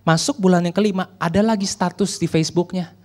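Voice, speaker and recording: A man's voice: sits high, steady tone, fast talker, a little mellow. A male preacher telling a story in a sermon, conversational and joking, acting out the people in it.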